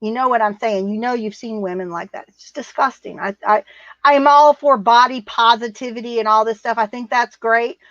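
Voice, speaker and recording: Middle-aged woman, blunt rambling livestream chat, fairly high voice, dry muffled sound. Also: fairly quick, fairly bright tone, no echo. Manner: blunt, rambling, laughs often. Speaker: livestream co-host reading viewer comments. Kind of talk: casual live chat.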